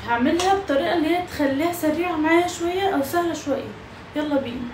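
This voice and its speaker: A woman's voice: sits high, very fast, background noise. A young Egyptian woman with an Egyptian Arabic accent, chatting to viewers in a casual cooking vlog from her home kitchen. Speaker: vlogger.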